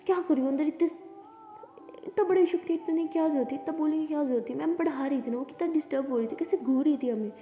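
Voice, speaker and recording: A woman's voice: high voice, measured pace, warm tone, a little hiss or hum. A woman voicing a shy, affectionate young college woman who talks tenderly and sometimes whispers. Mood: exasperated. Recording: echoey room, long reverb.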